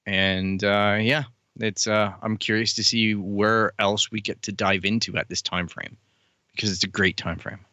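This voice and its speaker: A man talks in a low, bright, forceful voice. He chats casually and eagerly, with the odd curse word thrown in, close to a dry mic. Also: moderate pace, no room sound. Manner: animated, swears casually, fan enthusiasm. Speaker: podcast co-host. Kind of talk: casual chat.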